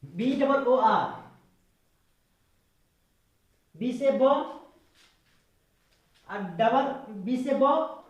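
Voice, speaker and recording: A woman teaching English pronunciation, spelling words out slowly letter by letter and checking whether the viewer has understood. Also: sits high, animated, muffled recording. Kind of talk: spoken English lesson explained in Hindi. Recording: very echoey room.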